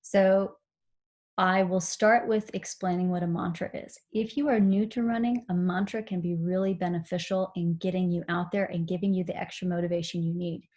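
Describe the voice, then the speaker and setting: A woman giving a recorded seminar on mindful running, explaining calmly with frequent fillers. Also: on the low side, normal speed. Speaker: running instructor.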